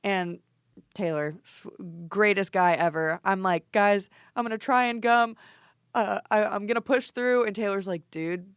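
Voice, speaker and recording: Speaking a little slowly with a clean, medium-pitched tone, this twenty-something band singer is a guest on a podcast. She's animated and curses freely, telling a casual story and performing her own quoted lines. The sound is clean studio audio with no echo.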